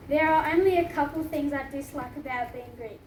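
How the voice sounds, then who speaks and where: Reading her own personal essay at a book launch, this Australian student has a voice that sits high and a measured pace, sounding earnest with the occasional laugh. Heard from a distance, the echoey hall makes for a noisy recording.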